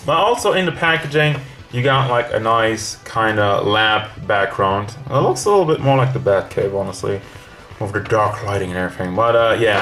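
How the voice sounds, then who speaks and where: A man's voice: medium pitch, a bit bright. A man reviewing a toy figure in a casual, rambling way, hot and out of breath, with faint music behind him. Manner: rambling, casual, self-correcting.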